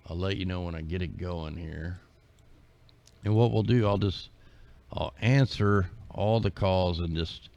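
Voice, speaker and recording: Male call-in host, very low voice, relaxed rambling chat, dull lo-fi audio. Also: gravelly, dry recording. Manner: laid-back, rambling. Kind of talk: casual live-stream chat.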